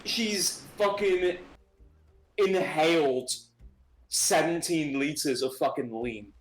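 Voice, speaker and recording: A slow-talking, joking male player. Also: a little high, echoey room, poor audio. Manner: crude, joking. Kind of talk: casual chat.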